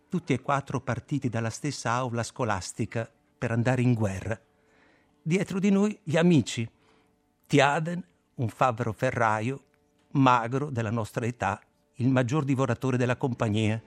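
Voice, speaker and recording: A man reading a novel aloud as an audiobook, measured and expressive, slowing down on names. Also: medium pitch. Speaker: audiobook reader.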